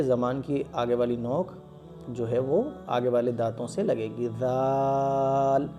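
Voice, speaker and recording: Patient teacher drawing out letters. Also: male voice, mid-range voice, a little mellow. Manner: patient, drawn-out letter sounds, frequent check-ins. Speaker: Quran teacher. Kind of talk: step-by-step lesson teaching Arabic letters.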